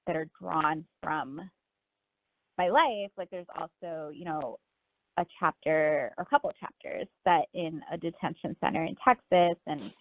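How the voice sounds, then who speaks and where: Her voice is deep and unhurried, captured dry through a narrow phone line. A guest author from Miami, United States, she reflects loosely during the interview, sprinkling in "like" and "you know" often.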